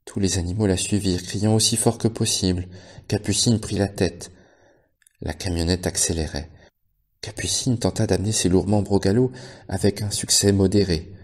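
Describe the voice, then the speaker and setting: A male librarian reading a novel aloud in steady, measured narration. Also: low voice. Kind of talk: audiobook narration.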